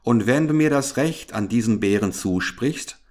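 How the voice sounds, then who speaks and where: A man's voice: medium pitch, animated, moderate pace, darkish tone, voice pushed up, close to an everyday voice. A man voicing a kind, courteous young knight speaking graciously to a maid in a fairy tale reading.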